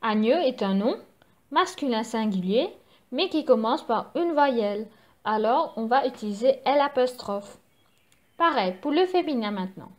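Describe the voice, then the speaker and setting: A woman's voice: a little high, expressive, measured pace. A woman teacher giving a recorded grammar lesson for children, patiently spelling out letters and repeating each rule. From Mauritius.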